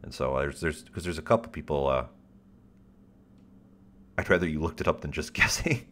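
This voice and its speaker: His deep, radio-like voice comes across expressive and a bit bright as this livestream host talks at normal speed in casual chat. He rambles in stop-start phrases, wry and self-deprecating, swearing casually.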